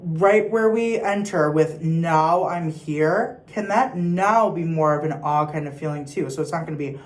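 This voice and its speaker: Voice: medium pitch, unhurried. A young adult choir teacher giving patient rehearsal instructions and singing short example phrases. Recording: echoey room.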